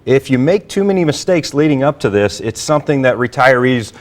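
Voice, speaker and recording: A man with a mid-range voice speaks as a financial advisor on a talk show. He explains in a measured, slightly hesitant way. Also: mid-range voice, lively intonation. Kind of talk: conversational explanation.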